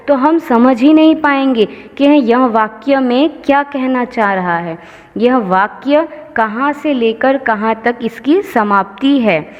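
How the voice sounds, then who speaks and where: A woman teacher explains grammar with slow, patient care, going over every example. Her voice sits a little high. The sound is dull and lo-fi, with a long reverb trailing each word. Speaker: school teacher.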